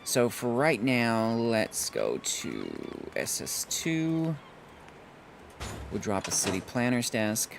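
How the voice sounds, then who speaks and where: Hoarse man narrating his gameplay. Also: medium pitch, slow pace, noisy background. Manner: thinking aloud, relaxed, self-correcting. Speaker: let's play host. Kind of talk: casual gameplay commentary.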